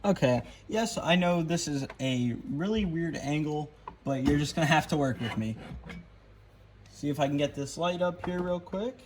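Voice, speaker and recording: Speaking at a normal speed in a slightly high voice, a man walks viewers through a CB radio installation at his car in the garage. He keeps it casual, talking as he works with his hands, and the home video carries some noise and handling clicks.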